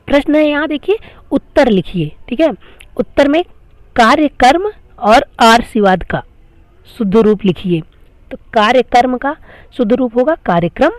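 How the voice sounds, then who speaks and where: A woman with a fairly high voice teaches a school grammar lesson. She works through each exercise step by step, repeating every question before she answers it. The sound is dry and close, with no room echo.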